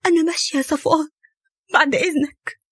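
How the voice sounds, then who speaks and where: A woman's voice: high voice, fairly even intonation, fast talker, a bit bright, no room sound, studio quality. A woman voicing a heartbroken young woman with an Egyptian accent who speaks with pleading and reproach. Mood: reproachful. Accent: Egyptian Arabic.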